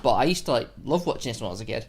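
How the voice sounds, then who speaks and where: A man's voice: medium pitch, animated, racing, breathy edge. A man co-hosts a casual film commentary. He rambles and hesitates, stacking fillers as he thinks aloud. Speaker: podcast co-host.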